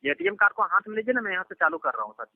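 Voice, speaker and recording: Racing along in a high, very animated voice, a man plays bank support on a phone call, repeating himself insistently and reassuringly while using formal address. The audio is a dry, lo-fi telephone line recording.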